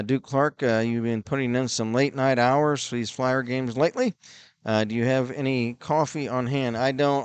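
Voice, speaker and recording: A man's voice: mid-range voice, clear, resonant tone, dry recording. A middle-aged man filling time on a hockey broadcast, rambling with many fillers as he reads out viewer messages. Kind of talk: casual play-by-play filler chat.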